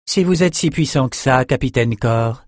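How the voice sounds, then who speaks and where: A man voicing a sharp-tongued, cool female warrior who speaks cuttingly in a storybook. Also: medium pitch, moderate pace, dry recording, clean studio sound, voice pushed up, lightly acted.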